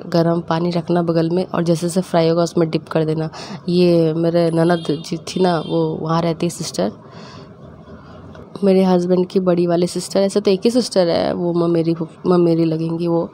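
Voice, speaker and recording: A woman's voice: fairly low pitch, warm tone, a little hiss or hum. A young woman, chatting casually as she cooks and tells family stories, laughing often and acting out her mother's scolding. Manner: acts out her mother's scolding in quick quoted bits. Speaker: cooking vlogger. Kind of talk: casual storytelling while cooking.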